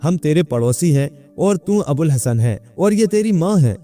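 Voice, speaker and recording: Figure: man doing stern scolding neighbors, storybook tale, mellow voice. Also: a little high, expressive, soft background music, lightly acted. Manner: reproachful.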